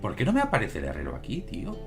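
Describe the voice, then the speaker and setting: A man's voice: lowish voice, racing, over music. A man with a Spain Spanish accent gives casual gameplay commentary, swearing freely and speaking straight to his viewers from home. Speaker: gaming streamer. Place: home room with cats. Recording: home recording with steady background noise.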